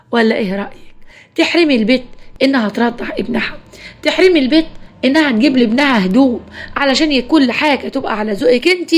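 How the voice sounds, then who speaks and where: A woman with an Egyptian accent giving frank, lecturing advice as a storyteller. She talks fast on a voice a little above the usual pitch. Her tone stays direct throughout.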